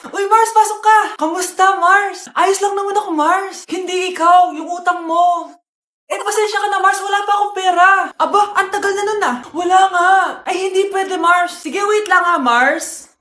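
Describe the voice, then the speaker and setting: Woman, very high voice, comedy skits, playing all the parts, echoey room. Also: moderate pace. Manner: switches between characters, often shouting. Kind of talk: comedic skits, one voice playing every part.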